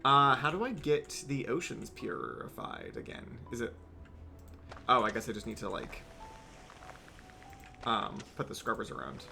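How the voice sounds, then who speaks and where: A man's voice: mid-range voice, huge pitch swings, a little slow, creaky, long pauses, bright, forceful tone, faint music behind. A young man streaming a game, rambling wryly with swearing asides as he plays. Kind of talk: casual gameplay commentary.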